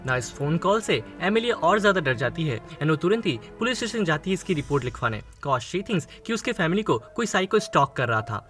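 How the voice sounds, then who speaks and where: A man's voice: on the high side, a bit bright. A man narrating a movie plot recap in a storytelling manner, mixing English phrases into his sentences.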